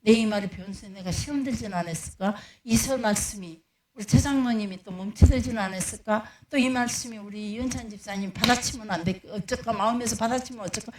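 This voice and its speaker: A woman's voice: mid-range voice, brisk, crowd noise. A middle-aged woman, a pastor's wife preaching a storytelling sermon and acting out the dialogue she recounts.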